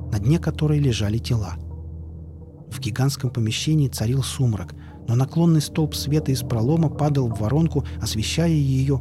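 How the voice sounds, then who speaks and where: A man narrating an audiobook in a steady, even storytelling voice. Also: mid-range voice. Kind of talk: scripted narration. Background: music.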